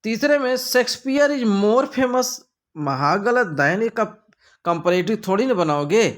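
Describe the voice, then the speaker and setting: A man with a Hindi accent leads an English grammar lesson, walking the class through the answer options and tossing in playful, theatrical asides. His voice sits high, and he speaks slowly and expressively.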